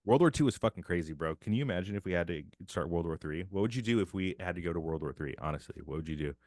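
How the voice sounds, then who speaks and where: Deep-voiced young man, crude joking banter. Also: lively intonation, racing, darkish tone, dry recording, studio quality. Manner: crude, joking, swears often. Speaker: podcast co-host. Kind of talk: casual podcast banter.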